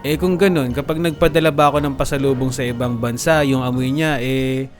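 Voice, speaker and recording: A young man from the Philippines narrating a comedic storytime for an animated video, with playful jokey asides to viewers. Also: mid-range voice, brisk. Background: background music.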